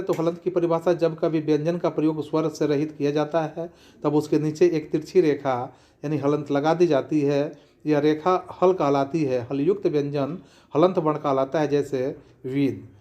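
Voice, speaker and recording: A man gives a grammar lesson in a slightly higher voice. He explains rules in measured, formal phrasing. Between the rules he reads out example words slowly, one by one. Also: dark tone. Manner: reads out word lists slowly, one word at a time. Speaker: Hindi grammar teacher. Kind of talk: classroom-style grammar lesson.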